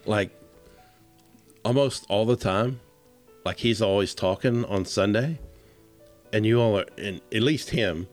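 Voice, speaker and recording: A man's voice: fairly low pitch, a little slow, pauses often, faint music behind. A man co-hosting a podcast, chatting casually and laughing often. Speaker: podcast co-host. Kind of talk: casual chat.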